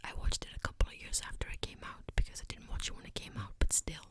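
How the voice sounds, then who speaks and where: A female ASMR creator whispers breathily right at the ear, very close to the mic, in a casual, rambling way. Her pacing is slow and gentle, and she often repeats words.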